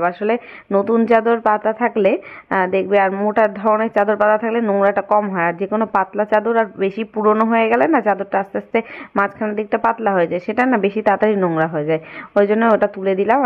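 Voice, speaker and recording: A woman with a West Bengal accent, chatting casually through her household chores for her home vlog, her voice slightly hoarse. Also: mid-range voice, narrow, tinny audio. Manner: chatty, running commentary on chores. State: hoarse from a cold. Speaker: vlogger. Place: home, indoors.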